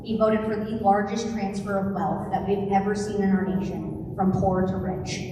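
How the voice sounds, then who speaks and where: A woman hosts a community town hall in a large college room, rallying and thanking the crowd. Her voice booms around an echoing hall and sounds far from the mic, with clear noise around it. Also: steady tone, normal speed. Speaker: event host. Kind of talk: town hall welcome speech. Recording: echoey hall mic heard from afar.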